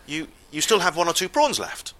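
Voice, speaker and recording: A man's voice: a little high, very animated, brisk, fairly bright tone, pitched above the performer's own voice. A man doing a polite posh waiter. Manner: polite, apologetic. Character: polite, apologetic restaurant waiter, adult man.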